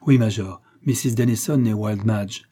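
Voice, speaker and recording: A man's voice: on the low side, measured pace, mellow, breathy edge. A man voicing a polite, eager rancher in a read-aloud adventure story, speaking effusively. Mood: earnest.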